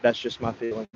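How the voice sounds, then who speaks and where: A man's voice: mid-range voice, warm tone, slightly rough, dull audio. Man rambling casually on a livestream. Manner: rambling, profane, hesitant restarts. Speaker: livestreamer greeting chat.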